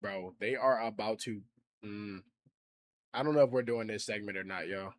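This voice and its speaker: A man's voice: lowish voice, normal speed. A man in his twenties, casually chatting on a livestream in heavy slang, reacting to and reading out viewer comments. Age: 20s. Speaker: streamer.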